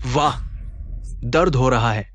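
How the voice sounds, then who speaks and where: Arrogant menacing boyfriend, boastful and threatening, drama dub. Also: male voice, mid-range voice, slow pace, a bit bright, a little hiss or hum. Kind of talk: Hindi drama dubbing.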